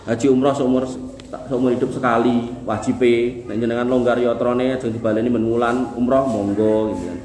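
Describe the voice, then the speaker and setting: This sermon comes from a Javanese-accented man who jokes with his congregation in a folksy style and leans on rhythmic repetition to land his points. His mid-range, darkish voice stays fairly flat in pitch and moves at a normal pace. The space echoes, and a little noise sits underneath.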